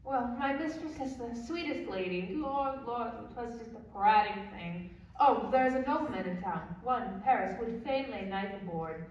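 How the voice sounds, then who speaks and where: A woman's voice: a little high, expressive, a little mellow, a little hiss or hum, lightly acted. A teenage girl acting as a fussy, teasing old nurse who complains of aching bones in a school stage play. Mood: chatty. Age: teens. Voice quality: teasing, drawn-out complaining delivery. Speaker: student actor. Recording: echoey hall, distant mic.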